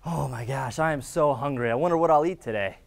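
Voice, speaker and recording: A man's voice: medium pitch, fast talker, vocal fry. A young man playing a hungry customer in a comedy sketch, with exaggerated exclamations.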